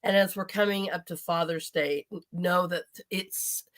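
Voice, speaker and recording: A woman's voice: on the low side, fairly even intonation, normal speed. A woman hosting an interview show, chatting eagerly and turning to speak straight to her audience. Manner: chatty, enthusiastic, talks to the audience directly. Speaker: host. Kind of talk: casual interview chat.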